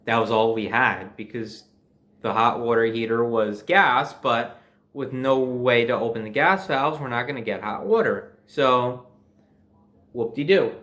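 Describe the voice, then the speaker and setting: This young storyteller, unhurried and mid-range in voice, shares personal anecdotes in a relaxed, lively style. He curses a lot and performs bits of the conversations he recounts.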